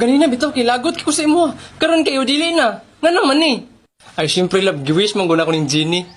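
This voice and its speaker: Cebuano accent, comedy skit, quick bantering delivery, faint background noise. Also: medium pitch, a bit bright.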